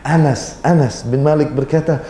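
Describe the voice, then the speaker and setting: A man's voice: a little high, normal speed, mellow, a little hiss or hum. A man preaching an Islamic sermon, telling stories animatedly, acting out quoted dialogue and reciting Arabic passages. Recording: roomy hall sound.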